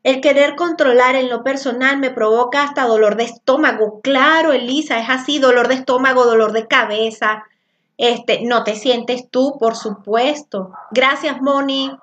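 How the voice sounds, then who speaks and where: A high-voiced woman with a Venezuelan accent teaches a group over a video call, her speech quick, loud and tumbling ahead of itself. The call audio is muffled and lo-fi. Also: steady tone. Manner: fast, rushed, loud talker. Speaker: spiritual workshop teacher.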